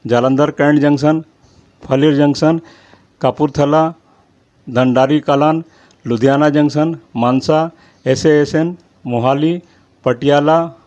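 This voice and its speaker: A man hosting his own channel, reading out a long list of names in a steady rhythm and apologizing now and then for his pronunciation. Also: a little high. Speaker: channel host. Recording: slightly dull lo-fi audio.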